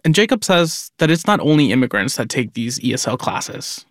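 A man's voice: medium pitch, very animated, normal speed, no room sound, studio quality. A man reporting on a news podcast, explaining his findings steadily.

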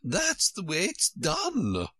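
A man voicing a flustered, bossy old queen from a storybook, kindly and dotty, in a shrill, squeaky, insistent way. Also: wildly swooping pitch, pushed and bright, no room sound, full character voice. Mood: decisive, bossy. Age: older. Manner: exclamatory, insistent, drawn-out delivery.

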